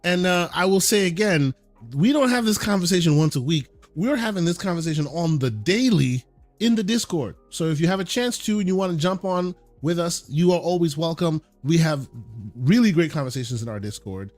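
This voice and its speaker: Male podcast host, lighter pitch, chatty and stumbling over repeated words, dry recording with soft music underneath. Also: expressive, no room sound. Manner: halting, often repeats words several times. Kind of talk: casual podcast sign-off chat.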